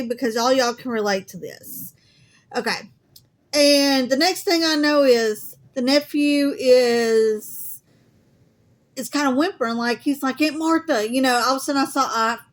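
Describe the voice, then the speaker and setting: Chatty Southern woman, slightly high voice. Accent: Southern US (Alabama). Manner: chatty, folksy, says y'all often. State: coughing, asthmatic. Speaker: crafting vlogger. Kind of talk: casual chat to viewers.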